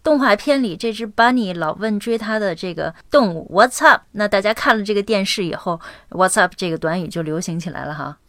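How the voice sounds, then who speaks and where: A woman's voice: mid-range voice, lively intonation, a little fast, few pauses, a bit bright, no room sound. Brief: woman podcast co-host, chatty, switches between Chinese and English, dry close mic. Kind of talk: bilingual language-lesson podcast chat.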